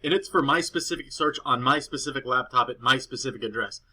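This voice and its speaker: A man's voice: medium pitch, fast talker, bright, forceful tone, husky. A man explaining a client report in a loose screen-recorded walkthrough, rambling a little with fillers and restarts, recorded at home on a cheap laptop. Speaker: SEO consultant presenting a client report. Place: girlfriend's house, indoors.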